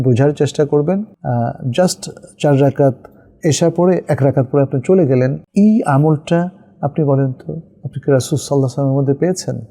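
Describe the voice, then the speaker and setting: A man's voice: on the high side, gravelly, warm tone. A middle-aged man with a Bangladeshi Bengali accent, an Islamic scholar answering viewers' questions. He explains patiently and checks understanding with tag questions. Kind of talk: religious question-and-answer session.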